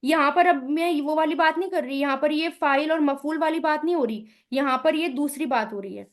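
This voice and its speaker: A woman with a high voice teaches Quranic Arabic grammar in a recorded lesson. She poses questions to her listeners and answers them herself, sounding out each vowel sound slowly.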